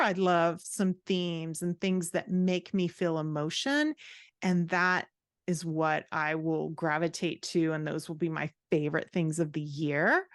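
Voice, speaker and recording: A fantasy author and writing coach, appearing as a podcast guest, talks casually and expressively, sharing her opinions in informal language. Her voice is on the low side. The recording is dry, with clean studio sound.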